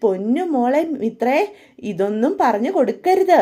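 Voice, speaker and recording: A woman's voice: fairly high pitch, big pitch swings, normal speed, warm tone. A woman voicing a jovial middle-aged uncle who cracks jokes. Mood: jokey.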